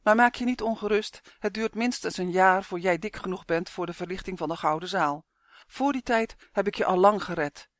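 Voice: mid-range voice, normal speed, dry recording, natural voice. A reader voicing a bold human boy in a storybook, answering diplomatically and with a mocking edge, in a dry recording. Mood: reassuring. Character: human boy hero, bold and quick-witted.

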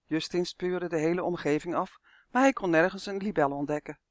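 A narrator reading a children's fantasy story aloud in a lively, expressive storytelling manner. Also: mid-range voice, a little fast, no echo, studio quality. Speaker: audiobook narrator.

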